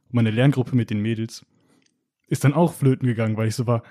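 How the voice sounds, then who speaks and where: Young man telling a story, mellow voice. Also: mid-range voice, fairly quick. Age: young adult. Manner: animated storytelling, acting out quoted lines; slangy, laughs often. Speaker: guest telling a personal story. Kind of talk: casual chat.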